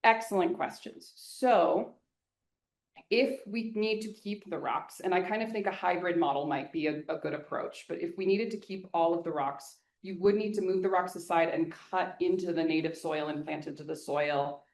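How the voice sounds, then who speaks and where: Lively woman landscape designer in echoey hall. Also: on the low side, normal speed. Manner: energetic, chatty, joking. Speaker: landscape designer giving a talk. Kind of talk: public presentation with audience Q&A. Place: meeting hall.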